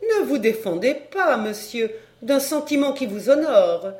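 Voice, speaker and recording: A woman's voice: high voice, big pitch swings, measured pace, a little mellow, voice pushed up. A woman voicing a poised, haughty foreign countess in a cool, airy manner, read as an audiobook. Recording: roomy echo.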